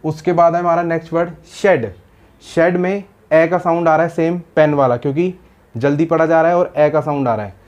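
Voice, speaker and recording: Guy teaching shorthand, slightly high voice, patient, keeps checking if you got it. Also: steady tone, a little fast, a little mellow, dull audio. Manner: explains patiently, often asks "samajh aaya?". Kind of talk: step-by-step lesson.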